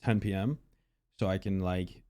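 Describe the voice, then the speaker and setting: A relaxed man co-hosting a podcast, agreeable and quick with short replies in casual chat. His voice is lowish and mellow, with a soft, dark tone. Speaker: podcast co-host. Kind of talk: casual chat among friends.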